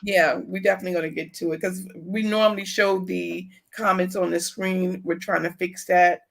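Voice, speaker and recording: A woman's voice: fairly low pitch, level tone, moderate pace, creaky. A middle-aged woman hosting a podcast in casual chat, often repeating short affirmations and thanking viewers by name. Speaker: podcast host.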